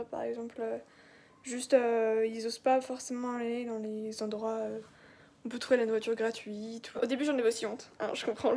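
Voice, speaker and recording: A woman's voice: fairly high pitch, darkish tone. A young woman from France, a student talking casually and candidly about daily life. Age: young adult. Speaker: student looking for work. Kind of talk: casual, candid documentary talk. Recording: background noise, public bustle.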